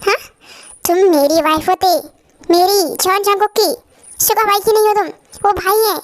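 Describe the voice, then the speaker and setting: A woman voicing a cold, possessive young husband in a fan-dubbed drama. She gives him a commanding, threatening manner and drops her voice low for him. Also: normal speed, dry recording.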